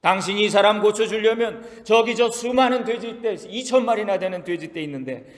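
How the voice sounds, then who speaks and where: Brief: pastor doing sneering demons haggling, voice pushed high, long hall echo. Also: male voice, normal speed, natural voice. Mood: mocking bargaining. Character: scornful demons bargaining with Jesus. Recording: long reverb of a large hall.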